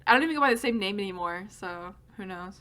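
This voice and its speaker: A woman's voice: mid-range voice, animated, fast talker, pushed and bright. A woman co-hosting a podcast, telling stories in a loose, profane, laughing way. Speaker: podcast co-host. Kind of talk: casual chat.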